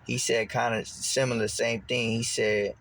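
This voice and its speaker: Young man vlogging a story, loose and rambling, lively when quoting others. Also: mid-range voice, unhurried. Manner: rambling, repeats words and restarts, animated when quoting. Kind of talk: casual storytelling.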